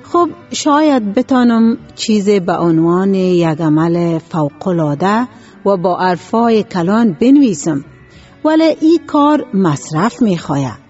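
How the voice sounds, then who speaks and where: A woman voicing a sly thief who poses as an angel, talking smoothly and ceremoniously. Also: mid-range voice, animated, darkish tone, highs cut off, soft background music, close to an everyday voice.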